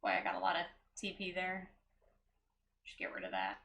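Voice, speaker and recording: A woman's voice: fairly low pitch, very animated, normal speed, vocal fry, sharp tone. Playful giggly woman streamer. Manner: playful, giggly, jokes about mispronouncing names. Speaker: game streamer. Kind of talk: casual gameplay chat.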